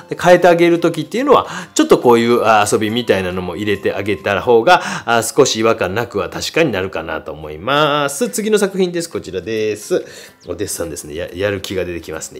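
Man, animated pitch, fast talker, painter giving casual critiques, faint music behind. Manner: chatty, lively, frequent fillers and asides. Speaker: painter critiquing viewers' artworks.

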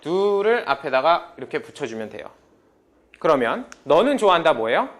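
A man's voice: a little high, sing-song, moderate pace, a bit bright. A man teaching a beginner English class, prompting students and drilling phrases. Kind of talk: lively classroom lecture.

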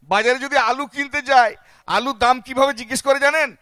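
Brief: high, bright-voiced male comic working a live outdoor crowd, chatty, always checking in. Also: fairly even intonation, fairly quick, clear, resonant tone, no echo, clean studio sound. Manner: chatty, keeps checking in with the audience. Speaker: stand-up comedian. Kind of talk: live stand-up comedy. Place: outdoor festival stage.

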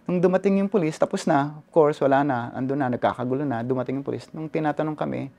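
A male photojournalist giving an animated personal account in an interview, switching between languages and often adding "no?" tags. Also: fairly high pitch, quick pace, vocal fry. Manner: animated retelling, code-switching, frequent "no?" tags.

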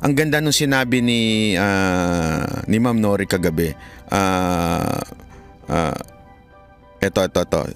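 A man's voice: sits low, slow, pauses often, soft background music. A man giving heated commentary in his vlog, preaching and pleading with his listeners and quoting scripture in English.

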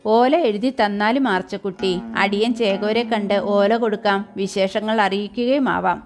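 A woman's voice: mid-range voice, steady tone, moderate pace, lightly acted. Kind old washerwoman soothing someone, read by a woman narrator, deferential, faint music in the back. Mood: comforting. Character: humble older village washerwoman, kindly.

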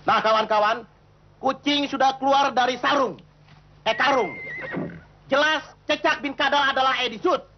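An actor playing an excitable comic townsman, rousing and exclamatory, in a 1970s comedy Western film. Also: extremely high pitch, normal speed, long pauses. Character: excitable comic male townsman rallying comrades. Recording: dull, noisy old film soundtrack.

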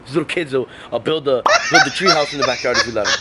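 Loud music drowns out much of this very noisy clip, in which a young prank vlogger rattles off casual vlog talk beside a backyard pool. He speaks rapid-fire in a medium-pitched voice, rambling on, saying things more than once and filling gaps with fillers.

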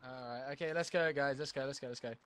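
A man leading his squad in an online game, giving brisk commands over voice chat. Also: mid-range voice, fairly bright tone, clean tone.

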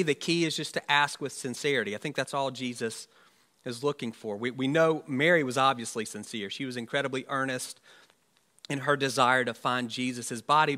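Bright-voiced man preaching conversationally. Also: medium pitch. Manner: conversational, wry asides, many restarts. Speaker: pastor. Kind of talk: sermon. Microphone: church livestream mic.

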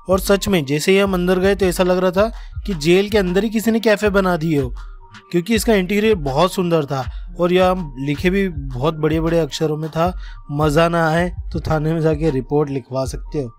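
A young man with an Indori Hindi accent narrating a casual food vlog in a chatty, enthusiastic way. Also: high-pitched. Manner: chatty, enthusiastic, listing items quickly. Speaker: food vlogger.

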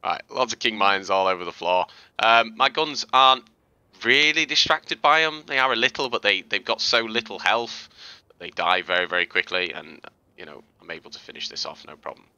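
Man, gameplay tutorial commentary, casual and chatty, deep voice, dry close sound. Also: brisk, smooth, no echo. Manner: relaxed, chatty explaining with fillers and restarts. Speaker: gaming video host.

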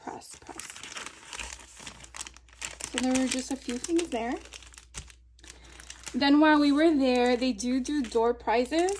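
A woman's voice: sits high, slow, long pauses, a little mellow, slight background noise. A woman in a casual haul video, talking chattily with fillers and little laughs while showing craft supplies at a table. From Florida. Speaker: craft vlogger. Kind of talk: casual haul show-and-tell. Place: indoors at a table.

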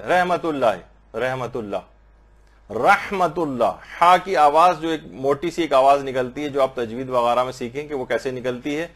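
A man teaching a lesson on correct prayer recitation, slowly sounding out Arabic phrases to show how each letter should be pronounced. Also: a little high, fairly bright tone. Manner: slow, drawn-out recitation of Arabic phrases to demonstrate pronunciation. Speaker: religious teacher.

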